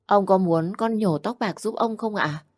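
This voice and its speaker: A woman voicing a small, affectionate little boy who talks politely in a high, chirpy voice. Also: unhurried, a little mellow, no echo, studio quality, natural voice. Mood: sweet, curious. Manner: chirpy and polite, tearful when upset.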